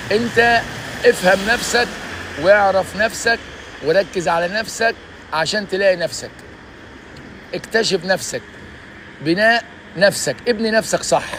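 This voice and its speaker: A man's voice: high voice, a bit bright, a little hiss or hum. A man in his sixties with an Egyptian Arabic accent gives emphatic, preachy motivational advice in a casual vlog, often saying "ya basha". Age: 60s. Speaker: vlogger giving life advice.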